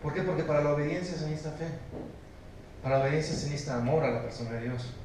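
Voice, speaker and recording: A man with a Mexican Spanish accent preaching a sermon as pastor, emphatic, moving between loud exhortation and low, hushed stress while questioning his congregation. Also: very fast, background noise. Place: church sanctuary. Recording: very echoey church recorded from a distance.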